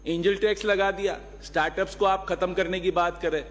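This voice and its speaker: High-voiced man giving an assembly speech. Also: fairly even intonation, fairly quick, a bit bright. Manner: argumentative, rhetorical questions, mixes in English phrases. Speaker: legislator. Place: legislative assembly hall. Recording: long reverb of a large hall.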